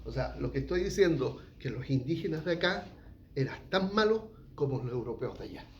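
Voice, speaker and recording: Man preaching, higher-pitched voice. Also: animated, fairly quick, lo-fi sound, a little hiss or hum. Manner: asks the congregation questions, frequent "¿ya?". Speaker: pastor. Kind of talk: teaching sermon.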